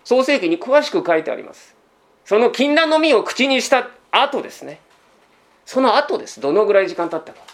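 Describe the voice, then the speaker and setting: A man preaches a sermon in a chatty, conversational way. His voice sits high and swings widely as he asks the congregation one question after another. He keeps tacking a small "this" onto the ends of his sentences. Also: big pitch swings, brisk. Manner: tags sentences with a trailing "this". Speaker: pastor.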